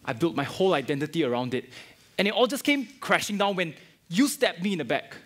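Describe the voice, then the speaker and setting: A young man plays a wounded yet forgiving friend. His voice sits a little higher than most men's, and his speech is earnest and reflective, in the manner of a student stage play. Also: lively intonation, fast talker, a bit bright.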